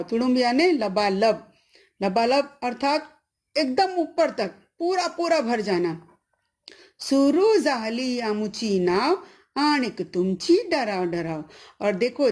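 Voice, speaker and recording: A middle-aged woman teacher giving an online lesson to children, patiently explaining each word and asking the class questions. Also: high-pitched.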